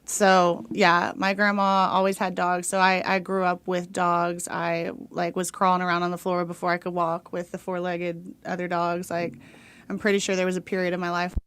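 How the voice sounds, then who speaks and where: A woman's voice: lowish voice, completely flat delivery, normal speed, fairly bright tone, clean tone. A young woman from Houston, Texas, chatting casually as a podcast guest, rambling with lots of fillers and laughs. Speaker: podcast guest, dog trainer. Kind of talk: casual interview chat.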